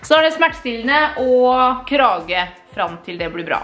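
Young woman vlogger from Norway, chatty and animated, hiccuping, faint music behind. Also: high voice. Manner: chatty, animated, mixes English words. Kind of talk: casual vlog chat.

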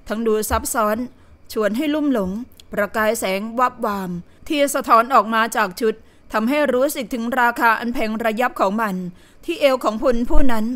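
A woman's voice: fairly high pitch, fairly bright tone. Woman narrating an audio novel. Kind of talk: scripted narration.

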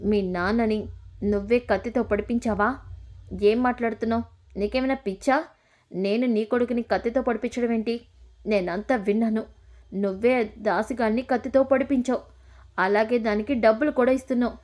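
Woman voicing a sharp-tongued scheming grandmother. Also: fairly high pitch, steady tone, fairly quick, long pauses, natural voice. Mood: furious. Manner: scolding, demanding questions.

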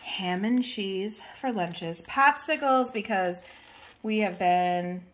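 A woman's voice: medium pitch, slow. A woman co-hosting a casual grocery haul in a home kitchen, chatty and filling in with lots of "um"s as she lists the items. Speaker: channel co-host.

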